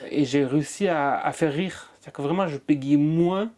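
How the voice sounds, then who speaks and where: A fairly high, slightly mellow voice belongs to a comedian from Marseille who is giving an interview. He goes at a moderate pace, with a strong stutter and lots of repeated sounds.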